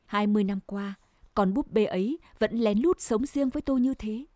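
A woman narrating a scripted first-person story in a measured, sorrowful way. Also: mid-range voice, warm tone, dry recording, clean studio sound.

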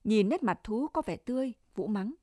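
A woman narrating a story in a calm, steady reading voice. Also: a little high, normal speed, no echo, studio quality.

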